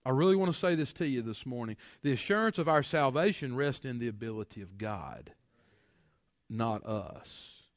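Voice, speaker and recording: A man's voice: medium pitch, lively intonation, moderate pace, dry recording, studio quality, in a large hall. A man preaching a sermon to his congregation, folksy, full of rhetorical questions and repeated words. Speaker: pastor. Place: church sanctuary.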